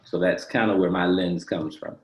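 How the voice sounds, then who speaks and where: A man with a very low, flat voice introduces himself at a measured, hesitant pace. Fillers break up his sentences. The sound is roomy and echoey, as on a video call. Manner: slow and halting, many fillers. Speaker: therapist. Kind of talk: panel introduction.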